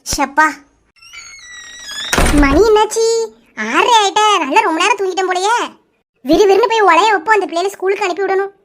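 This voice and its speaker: A woman's voice: very high voice, a little fast, pauses often, a bit bright. A woman voicing a kindly, bossy middle-aged village woman in a cartoon, fussing affectionately, with a Kanyakumari Tamil accent. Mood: bustling. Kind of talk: cartoon voice acting.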